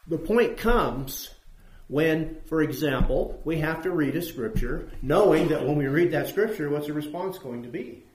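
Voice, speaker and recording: A man's voice: a little high, a little mellow, roomy sound, a little hiss or hum, low-quality recording. A man teaching a Bible study who puts questions to his listeners.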